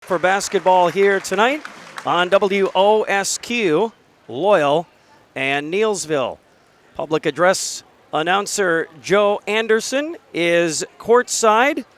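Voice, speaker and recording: High-voiced American male basketball commentator. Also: slow pace, fairly bright tone. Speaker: radio play-by-play commentator. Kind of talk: live basketball radio commentary.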